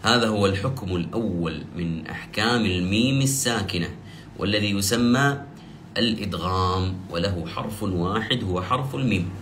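A man teaching the rules of Quranic recitation, explaining step by step and slowly drawing out the example verses he recites. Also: sits low, fairly bright tone, slight background noise. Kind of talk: tajweed lesson.

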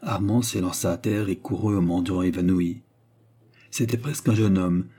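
Low, husky male audiobook narrator. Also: mellow. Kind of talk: scripted narration.

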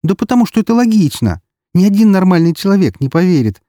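Man voicing a scoffing, quick-tongued young woman. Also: sits high, big pitch swings, no echo, clean studio sound, pitched above the performer's own voice. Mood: insistent. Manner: scoffing, sharp and a bit defensive. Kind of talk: audiobook character voice.

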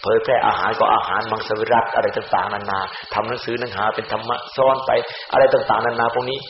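A man, a Buddhist monk, giving a Dhamma sermon in an animated way. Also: lowish voice, fast talker, crowd noise. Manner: animated, acts out other people's words in quoted voices. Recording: roomy, dull-sounding recording with faint hiss.

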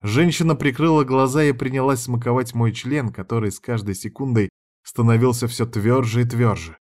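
A man narrates an audiobook in the first person. His reading is steady and measured, in a medium-pitched voice.

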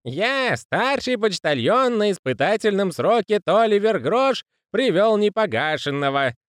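Male narrator putting on a deferential old postman, raspy and wheezy, high, lively pitch, dry studio sound. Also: unhurried, no echo. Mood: fussy, earnest. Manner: deferential, says sir constantly. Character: old male postman, fussy, pious, eager. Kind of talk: audiobook character voicing.

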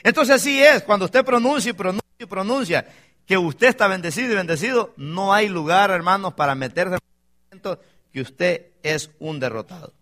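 A man's voice: high-pitched, lively intonation, brisk, pushed and bright. A man preaching a sermon as pastor, emphatic, often calling out for amens and asking the congregation questions.

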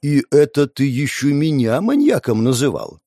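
A man's voice: medium pitch, very animated, moderate pace, dark tone, dry recording, studio quality. Audiobook: grumpy wounded pyromancer, mutters sarcasm; male reader doing the voice. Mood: mocking. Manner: grumbling, sardonic. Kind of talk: audiobook character voice.

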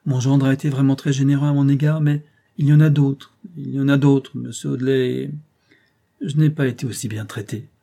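A man's voice: mid-range voice, normal speed, creaky, dark tone. A man doing a whining old grandfather. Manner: complaining, ingratiating.

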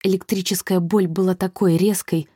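Casting: woman audiobook reader, low, mellow, close and dry, steady tense telling. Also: slightly rough, no echo. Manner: measured, tense storytelling. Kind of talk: scripted thriller narration.

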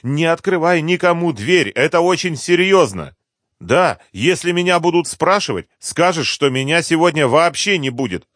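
A man's voice: fairly high pitch, animated, moderate pace, a bit bright, no echo, studio quality, pitched above the performer's own voice. A man reading an audiobook, voicing a frantic young woman who urgently pleads with her grandmother. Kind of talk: audiobook character voice.

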